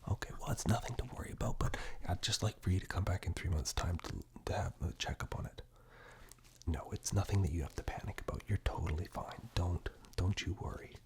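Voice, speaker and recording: Speaking low and very close to a binaural mic, a man whispers through an ASMR roleplay. His manner stays gentle, soothing, and unhurried.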